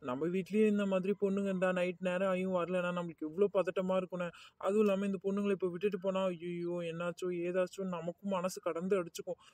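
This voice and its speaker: Dude doing a nice young guy calming everyone down, high quick voice, dry sound a bit off mic. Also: no room sound, far from the mic, lightly acted. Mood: persuading. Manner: pleading and soothing, keeps saying brother. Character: kind young male passenger, eager peacemaker. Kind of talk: cartoon voice acting.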